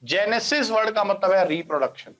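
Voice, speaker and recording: A man with a fairly high voice teaches biology in an online class. He explains step by step, drops in English science terms and keeps asking students if they are following. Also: expressive, normal speed, a bit bright.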